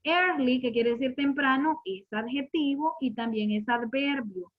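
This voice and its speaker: A woman with a high, bright-pitched voice leads a classroom lesson, walking her students patiently through each point. She repeats her questions and quizzes the class as she goes. The recording sounds muffled and lo-fi. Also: measured pace. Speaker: English teacher.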